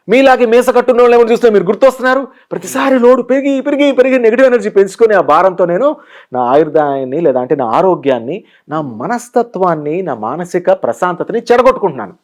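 A man's voice: high-pitched, fast. A man with a Telugu accent, a motivational speaker answering an interviewer and acting out the stories he tells. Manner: animated storyteller who plays out the scenes he describes. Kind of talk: guest in an interview.

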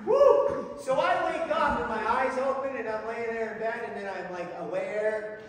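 Speaking at normal speed in a very high, expressive voice, a middle-aged lay preacher delivers a folksy sermon that pokes fun at himself, with frequent repeated words. The church hall recording is noisy and echoey, his voice distant.

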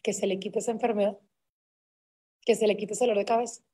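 A woman's voice: mid-range voice, fairly even intonation, quick pace, mellow, slightly rough. A woman giving an emphatic, repetitive motivational talk to a sales team as a conference speaker. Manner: emphatic and repetitive, building intensity.

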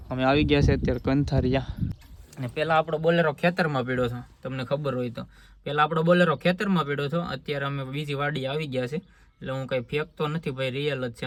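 Here the farmer's voice is on the high side and fairly bright, with slight background noise. He's outdoors on the farm, speaking earnestly into the phone in his hand, casual and homely like a villager.

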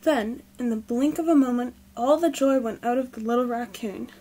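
Woman gently reading a children's storybook. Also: fairly high pitch, normal speed, poor audio. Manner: gentle, expressive. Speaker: storybook reader. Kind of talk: children's storybook read-aloud.

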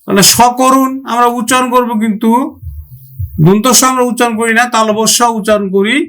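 A man's voice: very high-pitched, fairly even intonation, brisk, fairly bright tone. A male teacher giving a grammar lesson, addressing students with questions and sounding out example words syllable by syllable.

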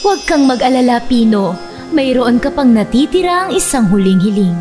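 A woman voicing a kind, gentle forest fairy who grants wishes in a children's cartoon story, soothing and solemn. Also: on the high side, animated, moderate pace, soft background music, lightly acted. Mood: reassuring.

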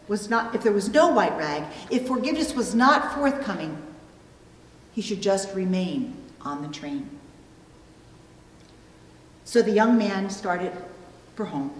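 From the pulpit of an indoor church, a middle-aged female pastor preaches a sermon built around illustrative stories, her medium-pitched voice unhurried, her phrasing deliberate with pauses for emphasis. She is recorded from a distance, and the echoing hall gives a long reverb.

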